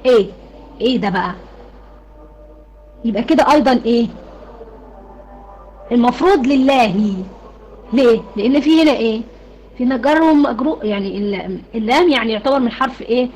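A woman's voice: fairly high pitch, expressive, fast, long pauses, a little mellow, low-quality recording. A woman with an Egyptian Arabic accent teaching an online Quran recitation class, asking her students questions and then answering them herself.

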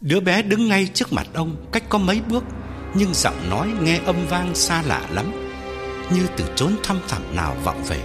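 A man narrating a ghost story in a dramatic, measured way. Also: high voice, sing-song. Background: music.

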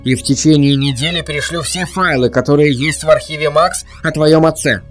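A man reading an audiobook, voicing a weary masked male agent who speaks calmly through a metallic helmet voice changer. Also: fairly high pitch, a little fast, faint music behind. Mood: earnest. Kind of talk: audiobook character voice.

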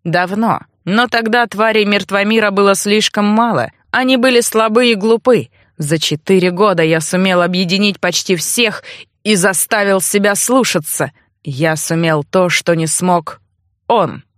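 A woman's voice: mid-range voice, unhurried, no echo, studio quality, close to an everyday voice. A woman voicing a bitter, angry young man who was once a monster, snarling and resentful, in an audiobook. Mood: grim.

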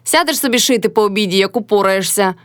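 A woman's voice: medium pitch, fast talker, no room sound, studio quality, close to an everyday voice. A woman voicing a bossy, nagging older peasant mother-in-law who scolds her household. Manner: nagging, commanding.

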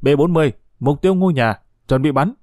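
A man voicing an irritable young company commander who gives brisk orders, in an audiobook. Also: a little high, expressive, darkish tone, no room sound, studio quality, close to an everyday voice. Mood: commanding.

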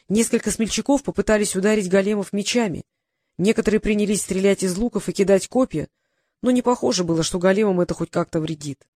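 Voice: mid-range voice, a little mellow, no echo, studio quality. An audiobook narrator reading a fantasy story steadily and giving each character a voice.

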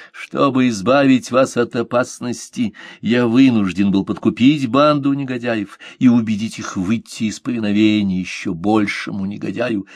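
A man voicing a courtly pirate captain who speaks calmly, courteously and with gentle irony. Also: on the low side, slightly rough, no echo, studio quality.

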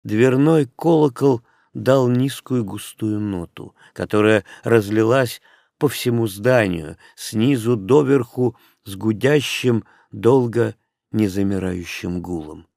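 Guy narrating an audiobook, slow and gravelly, dry close sound. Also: fairly low pitch, darkish tone, no room sound. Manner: slow, measured reading.

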